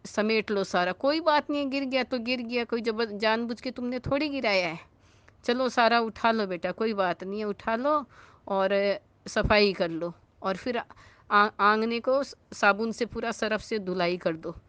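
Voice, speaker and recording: A woman voicing an older mother-in-law who has turned kind, speaking gently and reassuringly in a storytold scene. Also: fairly high pitch, measured pace, dry recording. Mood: gentle, kind.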